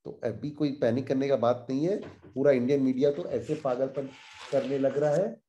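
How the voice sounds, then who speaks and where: Indignant man explaining the news, mellow tone. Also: medium pitch, normal speed, a little hiss or hum. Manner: animated, indignant, mixes English phrases into his talk. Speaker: host explaining current affairs. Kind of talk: casual explainer commentary.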